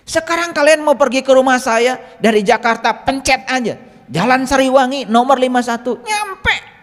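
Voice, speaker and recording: A middle-aged man giving a religious lecture as a Sufi teacher, animated, teasing his listeners, and swinging between loud and hushed delivery. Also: very high voice, moderate pace. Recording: long hall reverb.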